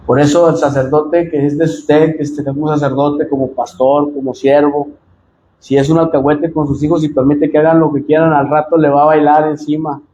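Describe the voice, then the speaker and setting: A man with a Mexican accent preaching a sermon as pastor, impassioned and direct with the congregation, often rising to shouts. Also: a little high, flat delivery, normal speed, highs cut off. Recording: echoey room with faint noise.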